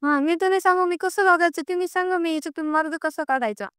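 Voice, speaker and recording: A young woman with a very high, slightly bright voice talks fast on a recorded phone call, airing a personal grievance. She sounds insistent, aggrieved and pleading, repeating herself in this emotional private conversation. The recording is dry and studio quality.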